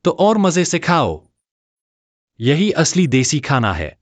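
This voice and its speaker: Defiant young brother, sharp and confrontational, drama dub. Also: male voice, on the high side, huge pitch swings, takes it slowly, no room sound, full character voice. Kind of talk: Hindi drama dubbing.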